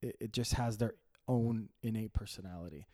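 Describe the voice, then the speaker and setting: A man's voice: on the low side, moderate pace, mellow. A man co-hosting a casual podcast, a father telling a story in a rambling way with many restarts. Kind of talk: casual chat.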